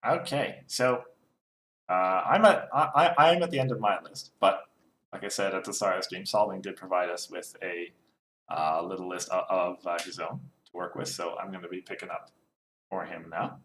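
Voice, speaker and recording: A man's voice: low-pitched, normal speed, fairly bright tone. A man co-hosting a casual card game podcast, talking with lots of fillers and restarts. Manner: hesitant, many fillers and restarts. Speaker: co-host. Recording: roomy echo.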